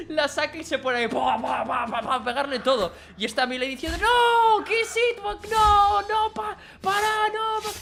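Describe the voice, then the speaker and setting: A streamer telling a story in a casual, rambling way. The voice sits at a middle pitch and is animated, with many restarts, and dips low and quiet for side remarks.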